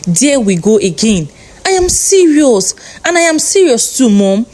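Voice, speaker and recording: A woman's voice: on the high side, big pitch swings, a little slow, a little mellow. A woman voicing a stubborn, perfectionist young male engineer who answers curtly and defensively. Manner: curt, defensive.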